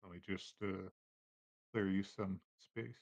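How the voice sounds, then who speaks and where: Low-voiced male game master, dry sound. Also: gravelly, no room sound. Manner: relaxed, halting, many fillers. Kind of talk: narrating a tabletop game.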